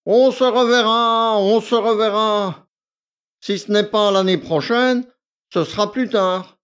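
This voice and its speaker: A man's voice: sits high, animated, slow pace, pitched above the performer's own voice. A man voicing an arrogant, lazy young male valet who talks in a nasal, drawling, condescending way. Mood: bored, condescending.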